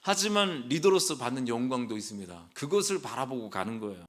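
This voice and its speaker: A man's voice: mid-range voice, sing-song, brisk, a bit bright. A male pastor preaching a sermon in a church, talking conversationally with the congregation, asking them questions and adding playful asides. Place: church sanctuary.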